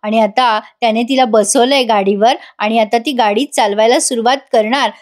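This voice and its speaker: A woman's voice: fairly high pitch, fairly even intonation, moderate pace. A woman giving a chatty voice-over review of a TV serial episode, laughing often and speaking directly to her viewers.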